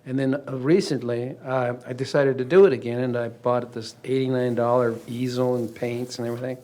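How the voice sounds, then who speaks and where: A man's voice: mid-range voice, steady tone, brisk, mellow. A man in his seventies with a mid-range voice. He talks casually about himself as a participant in a group conversation, feeling his way through his sentences in a hesitant, rambling manner. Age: 70s. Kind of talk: casual personal sharing.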